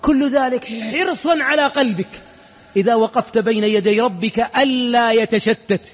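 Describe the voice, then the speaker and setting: A Saudi sheikh with a strikingly high, husky voice delivers an informal mosque lesson. He fires rhetorical questions and mimics the people he quotes. The sound is thin and phone-like, with a long hall reverb trailing each phrase. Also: moderate pace. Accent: Saudi Arabic. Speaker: sheikh giving a religious lesson.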